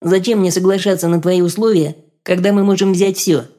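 A man voicing an eerie, detached mutant infant creature with a thin, squeaky, childlike voice in an audiobook. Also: brisk, close to an everyday voice. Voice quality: squeaky, piping. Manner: flat, detached, terse. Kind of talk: audiobook character voice.

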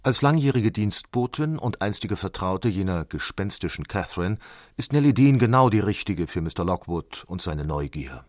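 A man narrating a radio documentary in a calm storytelling way. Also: sits low, normal speed, dry recording, clean studio sound.

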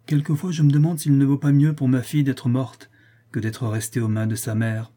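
A man's voice: medium pitch, little pitch movement, brisk, mellow, lightly acted. A man voicing a grieving, melancholy prince in an audiobook reading, speaking solemnly and sorrowfully. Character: grieving middle-aged prince, noble and melancholy.

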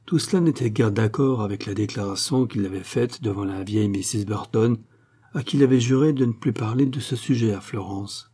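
A man narrating a novel as an audiobook, reading in a measured, even way. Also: on the low side, slightly rough.

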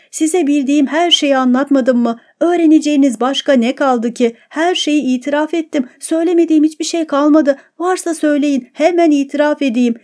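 A woman voicing a gaunt, terrified male prisoner who pleads and shouts frantically. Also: sits high, voice pushed up, close to an everyday voice.

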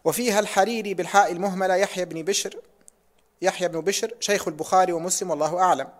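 A man's voice: high-pitched, steady tone, racing. A man reading a hadith text aloud in a lesson, careful and precise, closing sections with pious formulas.

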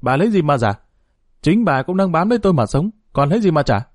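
A man voicing a sharp-tongued young woman, a scornful daughter-in-law who scolds shrilly and cuttingly in a dramatized story reading. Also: a little high, sing-song, fast talker, dry recording, clean studio sound, pitched above the performer's own voice.

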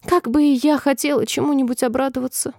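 Storybook queen, old and fretful, very high wailing voice, voiced by a woman narrator; dry, mellow read. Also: normal speed, no echo. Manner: wailing, squealing cries, then oddly calm.

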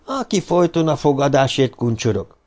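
A loyal, aging male assistant, voiced by a male audiobook reader. He answers deferentially, explaining at length. His voice sits clearly higher than the narrator's own. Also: sing-song, a little mellow, close to an everyday voice.

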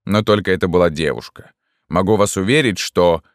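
Man doing a cool, matter-of-fact hypnotist, deep voice, storybook. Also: fairly quick, dry recording, studio quality, close to an everyday voice. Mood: calm. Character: calm, businesslike male hypnotist.

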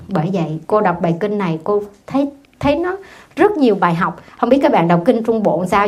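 Lively Buddhist nun giving a dharma talk. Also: female voice, medium pitch. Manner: lively storytelling, asks the audience questions.

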